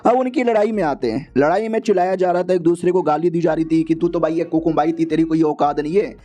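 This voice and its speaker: High-voiced man chatting through a comic recap. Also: fast talker, dark tone. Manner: chatty, slangy, joking asides. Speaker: manhua recap narrator. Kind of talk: casual comic-story recap narration.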